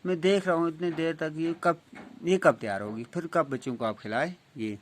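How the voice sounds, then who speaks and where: Male teacher doing a worried ruler guy, earnest questions, voice pushed up higher. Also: slight background noise, close to an everyday voice. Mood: concerned.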